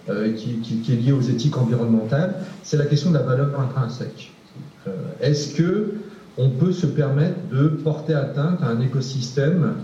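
A man's voice: medium pitch, dark tone, slight background noise. A male researcher answering a question in a panel discussion, hesitant, with many fillers and repeated words. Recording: distant, echoey, dull room recording.

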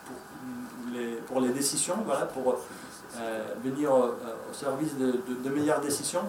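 A man with a Spanish accent, Spanish being his native language, gives a hesitant conference talk full of fillers and restarts. His voice is medium-pitched and fairly even, delivered at an unhurried pace. The echoey conference room is picked up by a distant mic, with background noise throughout.

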